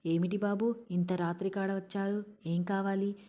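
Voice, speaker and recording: A woman narrating an audiobook, voicing a rough-voiced male tea-stall keeper who dodges questions. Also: medium pitch, flat delivery, moderate pace, warm tone, close to an everyday voice. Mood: wary. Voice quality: thick rough voice. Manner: evasive, brushing questions off.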